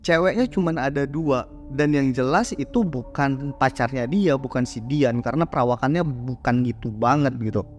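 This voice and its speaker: A man hosts a horror story show in a medium-pitched, darkish voice with lively intonation and a moderate pace. He tells it casually, slangy and chatty, acting out the characters' quoted lines.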